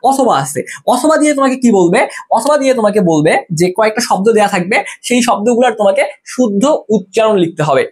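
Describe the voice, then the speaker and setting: Very fast-talking tutor. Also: medium pitch, slightly rough. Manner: rapid, chatty, asks and answers own questions. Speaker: exam-prep tutor. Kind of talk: casual whiteboard lesson.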